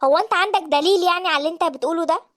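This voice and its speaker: A woman with an Egyptian accent voicing a caring but firm older mother-in-law in an animated story, motherly and scolding. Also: very high-pitched, racing. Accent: Egyptian Arabic.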